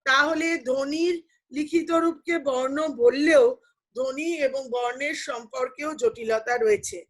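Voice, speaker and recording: A woman's voice: sits high, steady tone, measured pace, poor audio. A woman teacher explaining grammar to students, patiently asking questions and answering them herself. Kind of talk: online class lecture.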